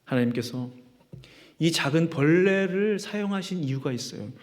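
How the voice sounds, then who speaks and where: A man's voice: a little high, animated, normal speed. A man preaching a sermon as pastor, emphatic and full of rhetorical questions. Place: church sanctuary.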